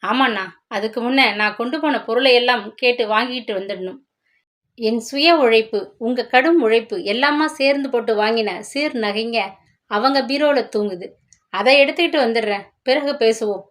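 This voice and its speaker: A woman voicing a heartbroken young married woman who speaks with quiet, sorrowful firmness. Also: on the high side, moderate pace, close to an everyday voice. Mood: firm.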